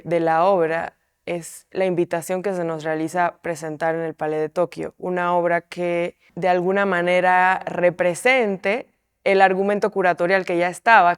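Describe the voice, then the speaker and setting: A woman's voice: lowish voice, smooth, no echo, clean studio sound. A woman, an artist, explaining a piece in an interview in a reflective way, often tagging her sentences with questioning asides. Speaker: artist in a collective.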